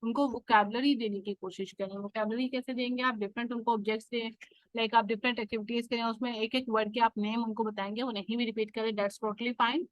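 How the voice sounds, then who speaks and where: A woman with a fairly high voice leads a homeschooling workshop, explaining each step patiently to other parents. She moves easily between Hindi and English phrases as she teaches. The sound is dry and close, with no room echo. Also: steady tone, brisk, dull audio. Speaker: homeschooling workshop host and mother. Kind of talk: instructional workshop talk.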